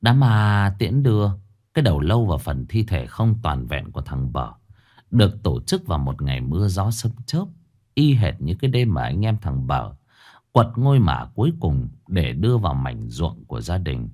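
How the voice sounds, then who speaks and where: A man's voice: low-pitched, very animated, normal speed, a little mellow. A man narrating a horror story in a dramatic, scripted style with swinging intonation.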